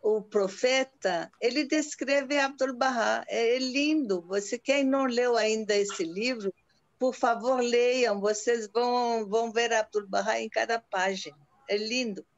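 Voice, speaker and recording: A woman's voice: on the high side, a little slow, no echo, dull audio. A woman in the audience adding a comment enthusiastically on a video call. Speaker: audience member.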